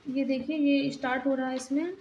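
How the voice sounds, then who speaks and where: High-voiced young woman tutoring casually. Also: flat delivery, fairly quick, darkish tone, muffled recording, a little hiss or hum. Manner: conversational, points things out while showing a book. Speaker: exam prep tutor. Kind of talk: casual explanatory lesson.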